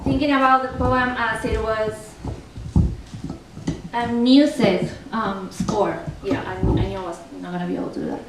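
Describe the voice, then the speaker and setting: A young Argentinian woman, a native Spanish speaker with a thick accent and a slightly high voice at moderate pace, talks casually on a translation panel and reads a poem aloud. She's chatty, with frequent ums and restarts. Recorded in a festival event room, the sound is distant and echoey with faint noise and a crowd in the background.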